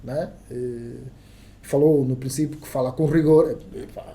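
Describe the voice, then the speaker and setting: A journalist from Angola, a native Kissolongo speaker, appears as a guest on a casual podcast, talking in Angolan Portuguese with many fillers, restarts and emphatic turns. His mid-range, dark-toned voice has fairly even intonation and a slightly slow pace, and a bit of hiss or hum can be heard.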